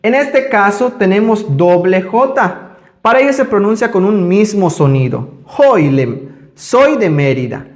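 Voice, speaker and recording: A man teaching a language lesson, speaking slowly and carefully when he pronounces each example. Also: high-pitched, expressive. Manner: slow, careful pronunciation of examples. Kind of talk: scripted lesson.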